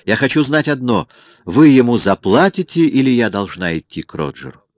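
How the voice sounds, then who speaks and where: Guy doing a sharp selfish young woman, snapping and accusing, dull lo-fi recording. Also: medium pitch, very animated, moderate pace, dry recording, pitched above the performer's own voice, lightly acted. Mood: angry. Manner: sharp, reproachful.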